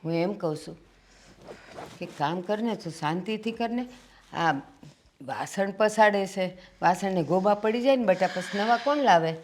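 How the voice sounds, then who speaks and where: An actress playing a gentle, pleading, ailing mother-in-law in a Gujarati stage play. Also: medium pitch, a little slow, a little hiss or hum, lightly acted.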